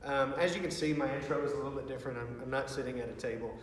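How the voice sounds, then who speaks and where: An earnest male youth pastor talks informally to parents, halting and repeating words as he goes. His voice sits a little away from the mic in a big empty room, swimming in heavy echo and long reverb. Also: medium pitch, fairly even intonation. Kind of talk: informal video message to parents. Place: large empty student ministry room with stage. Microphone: far from the speaker. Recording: very echoey hall, distant mic, faint noise.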